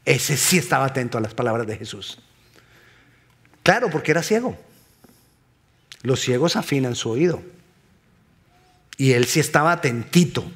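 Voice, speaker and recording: A male pastor preaching a sermon emphatically, swinging between loud passages and hushed ones. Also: medium pitch, animated, moderate pace, long pauses.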